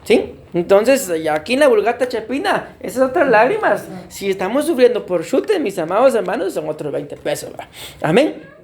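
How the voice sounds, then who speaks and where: A man's voice: high-pitched, very animated, normal speed, vocal fry, darkish tone. A man preaching a sermon as pastor, often addressing his congregation as beloved brothers and putting questions to them. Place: church.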